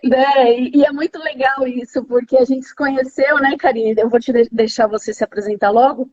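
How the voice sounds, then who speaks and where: A Brazilian woman with a São Paulo accent hosts a casual live interview series, chatting with a friend. Her voice is high-pitched, steady, a little fast and slightly mellow. The live-stream audio is lo-fi and slightly dull.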